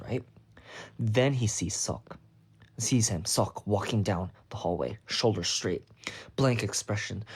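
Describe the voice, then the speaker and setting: A man's voice: on the low side, a little mellow, breathy edge. A young man reading a piece of fanfiction aloud on a livestream, breaking off now and then to comment wryly on the text. He records at home on a phone mic. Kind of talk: reading a story aloud with asides.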